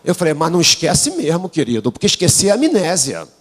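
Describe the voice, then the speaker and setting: A man preaching a sermon in a church with a Brazilian Portuguese accent, unwell but pushing on, calling on the congregation to repeat his words and rising from low asides to shouted peaks. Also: wildly swooping pitch, brisk. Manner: call-and-response preaching, prompting the congregation to repeat. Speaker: pastor. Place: church sanctuary. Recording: live church sound with long hall reverb.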